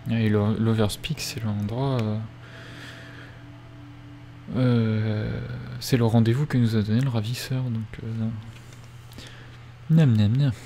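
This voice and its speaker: A man's voice: on the low side, little pitch movement, slow pace, mellow, a little hiss or hum. A man doing casual let's play commentary, musing and thinking aloud as he goes.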